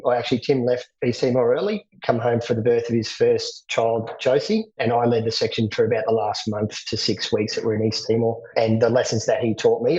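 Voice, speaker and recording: A middle-aged Australian man, a veteran, recalling his army days in a plain, steady way, often restarting his words. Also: medium pitch, highs cut off. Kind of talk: interview recollection.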